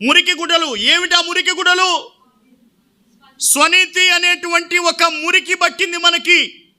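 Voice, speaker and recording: A man's voice: extremely high pitch, level tone, a little slow, pushed and bright. A male pastor preaching a sermon, often putting questions to the congregation and answering them himself.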